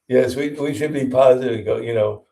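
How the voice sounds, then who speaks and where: A man's voice: medium pitch, gravelly, mellow. A man leading a seminar, teaching with humor and acting out street conversations, recorded from a distance in a hall. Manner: playful, mimics conversations, chuckles often. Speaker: swami giving a seminar talk.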